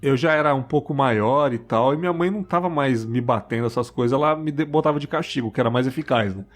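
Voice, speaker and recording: A man's voice: mid-range voice, fast, soft background music. A man, hosting a podcast and telling personal stories in a casual, chatty way, often swearing and throwing in "cara" and "né". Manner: chatty, peppers talk with "cara" and "né", swears freely; laughs while telling stories. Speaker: podcast host.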